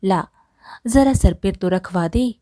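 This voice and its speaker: A woman's voice: medium pitch, expressive, slow, warm tone. A woman voicing a poor, hardworking old village woman who talks plainly and practically. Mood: homely.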